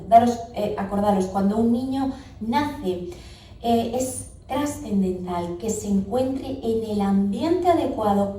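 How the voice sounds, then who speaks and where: A woman's voice: medium pitch, dark tone, a little hiss or hum. A woman with a Spanish accent preaching a sermon to her congregation. She stresses key words emphatically and asks the listeners direct questions. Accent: Spanish (Spain). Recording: echoey church hall, speaker far from mic.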